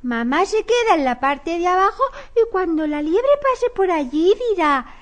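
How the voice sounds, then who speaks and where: A woman's voice: very high voice, expressive, normal speed. A woman playing a clever young hedgehog child in an old radio drama, chattering eagerly. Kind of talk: 1970s radio drama acting.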